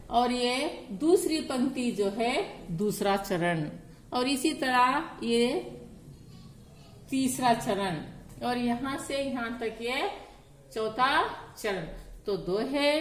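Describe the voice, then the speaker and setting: A woman's voice: a little high, reverberant, slight background noise. A woman teaching a grammar lesson on poetic meter, counting syllables aloud one at a time.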